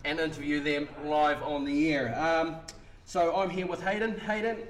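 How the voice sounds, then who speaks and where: A man's voice: a little high, steady tone, moderate pace, reverberant, slight background noise. A man hosting a casual live community radio interview, upbeat and full of ums. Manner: upbeat, many ums and awesomes. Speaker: radio host. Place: community radio broadcast from a church.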